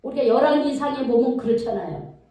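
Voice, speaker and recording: A woman preacher speaks fairly quickly in a high, warm voice, vividly telling a story during her sermon and quizzing the congregation. The setting is a church sanctuary, and the far-off mic picks up an echoey hall.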